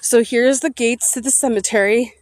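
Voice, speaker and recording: A woman's voice: a little high, fairly even intonation, moderate pace, a little hiss or hum. A woman out of breath, chatting to viewers as she reads a sign aloud, recording outdoors at a cemetery. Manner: chatty, addresses viewers directly. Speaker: paranormal vlogger. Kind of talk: casual vlog, reading a sign aloud.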